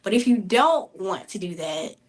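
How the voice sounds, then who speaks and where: A woman with a mid-pitched voice talks as a guest in a casual interview. She is informal and plain-spoken, chatting as a working doula. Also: big pitch swings, normal speed. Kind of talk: casual live interview chat.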